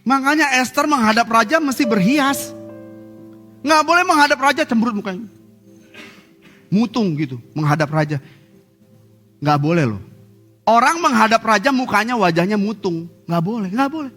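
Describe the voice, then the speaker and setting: Animated preacher in a reverberant church hall. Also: male voice, extremely high pitch, normal speed, pauses often. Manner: lively preaching with humor and acted-out quotes. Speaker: pastor. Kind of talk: sermon. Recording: church service with hall reverb and faint music.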